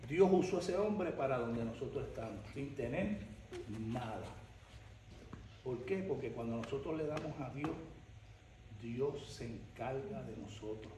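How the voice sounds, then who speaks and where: Older pastor preaching in an echoey church. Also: male voice, medium pitch, lively intonation, measured pace. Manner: emphatic storytelling. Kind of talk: sermon testimony. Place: church sanctuary. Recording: echoey church from far off, noisy.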